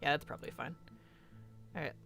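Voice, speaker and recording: A woman chats casually on a live stream, greeting viewers and laughing easily. She often drops to a mutter as she adjusts her settings, and soft music plays faintly behind her. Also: a little fast. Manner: chatty, laughs often, mutters to herself while fixing settings.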